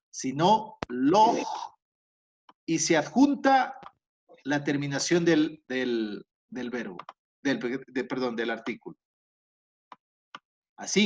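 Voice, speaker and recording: Slow, patient Spanish-speaking language teacher. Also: male voice, fairly high pitch, lo-fi sound, slight background noise. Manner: explanatory, repeats key points, frequent fillers and self-corrections. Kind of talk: recorded class lecture.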